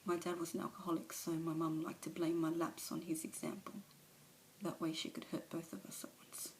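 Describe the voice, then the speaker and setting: Playing a remorseful recovering alcoholic mother, this woman sounds ashamed as she delivers a confessional monologue, at times sinking into a whisper. Her low, monotone voice moves fairly quickly and stays near everyday speech, captured on a phone camera.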